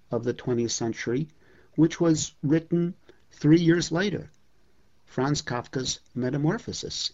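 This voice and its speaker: Measured male literature lecturer, lo-fi. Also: fairly high pitch, darkish tone. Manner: measured, reflective, with occasional hesitations.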